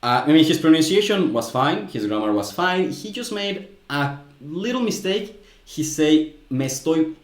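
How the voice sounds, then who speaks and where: A man's voice: a little high, lively intonation, normal speed, hardly any pauses. Man musing in a roomy space. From Mexico. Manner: musing, hesitant, repeats words. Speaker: YouTube host. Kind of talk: casual commentary. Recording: roomy echo.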